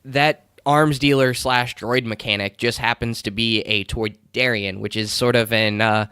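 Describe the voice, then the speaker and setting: A man's voice: mid-range voice, fairly even intonation, unhurried, sharp tone, clean tone, no room sound, studio quality. A man narrating as game master, describing scenes with frequent ums and uhs. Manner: descriptive with many fillers.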